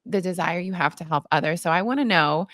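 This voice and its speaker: A woman's voice: lowish voice, quick pace, a bit bright, no echo. A woman interviewing in a casual, chatty style, with an effusive, encouraging manner.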